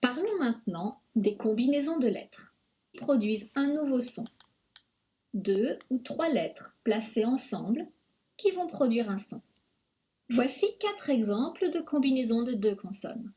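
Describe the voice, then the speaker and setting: Slow, careful woman teaching pronunciation. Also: on the high side, expressive, mellow, dull audio. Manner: slow, careful, over-articulated explanations. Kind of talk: slow scripted lesson narration.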